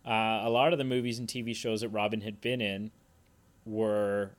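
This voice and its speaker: A man's voice: lowish voice, little pitch movement, moderate pace. A man co-hosting a casual podcast, chatting about a film in a loose, filler-heavy way. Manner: chatty, tangent-prone, lots of fillers. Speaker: podcast co-host. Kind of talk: casual movie review chat.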